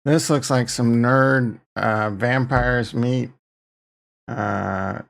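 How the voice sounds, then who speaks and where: A man hosting a livestream in casual, rambling, self-deprecating slangy chat, with a gravelly morning voice. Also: medium pitch, extremely slow. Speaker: livestream host.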